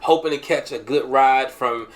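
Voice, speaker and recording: A man's voice: mid-range voice, moderate pace. A man in his thirties, hosting a show and telling a personal testimony with humor and emotional swings. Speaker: podcast host sharing a testimony.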